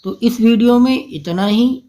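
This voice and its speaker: A man's voice: very high voice, unhurried, warm tone. A man with a patient manner, walking through a teacher-training quiz and explaining each answer option in turn. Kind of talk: screen-recorded quiz walkthrough.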